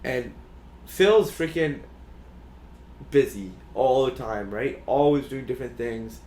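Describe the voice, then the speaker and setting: A man's voice: mid-range voice, lively intonation, slow pace, a little mellow. A man co-hosting a podcast, chatting casually in a rambling way with lots of fillers and restarts. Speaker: podcast co-host. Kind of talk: casual chat. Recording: echoey room.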